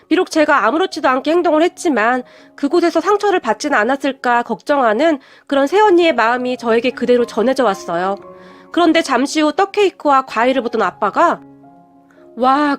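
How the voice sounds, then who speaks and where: A young woman with a high voice tells a personal story in a calm, conversational first-person style. Soft music plays faintly underneath her narration. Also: a little fast.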